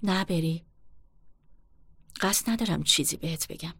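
A woman voicing a restrained older sister who speaks quietly in a storybook reading. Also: vocal fry, no echo. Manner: low and quiet.

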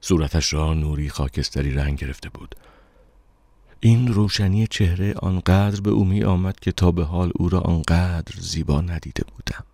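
A man narrating a dark story in a slow, somber, measured way. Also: sits low, no echo. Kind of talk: dramatic audiobook narration.

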